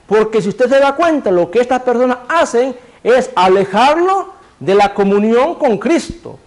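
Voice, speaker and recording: Male preacher, high voice, sermon delivery, rhetorical questions answered himself, cues a reader to repeat verses. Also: lively intonation, normal speed. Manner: asks the congregation rhetorical questions and answers them; directs a reader to repeat scripture phrases.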